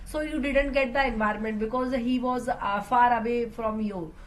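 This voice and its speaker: A woman's voice: fairly high pitch, fairly even intonation, normal speed, poor audio. A woman with an Indian English accent hosting a conversation, speaking hesitantly with many fillers and calling her guest sir. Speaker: host, English learning channel. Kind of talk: casual conversation.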